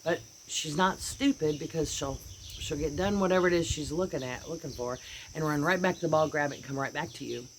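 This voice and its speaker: Birds and insects chirp in the background as an American woman vlogger, sitting outside on her porch, chats casually about her dogs. Her voice is low and a little fast, and she rambles animatedly, putting words in her dogs' mouths.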